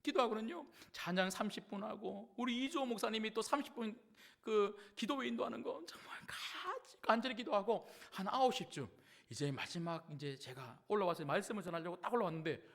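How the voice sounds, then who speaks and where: Animated pastor preaching with big swings. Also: male voice, high voice, fairly quick, vocal fry. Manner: animated storytelling, swings between hushed and loud impassioned prayer. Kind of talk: sermon.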